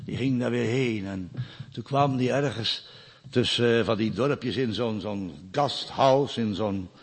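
Dutch-speaking preacher in a reverberant hall. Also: male voice, medium pitch, unhurried, husky. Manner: emphatic, swells loud when reciting scripture; drops to quiet storytelling asides. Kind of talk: sermon.

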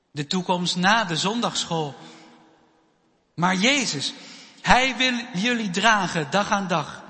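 A man giving a children's sermon and telling a story slowly, with pauses. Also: high-pitched, sharp tone. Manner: slow, storytelling delivery with pauses. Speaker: preacher. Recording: long hall reverb.

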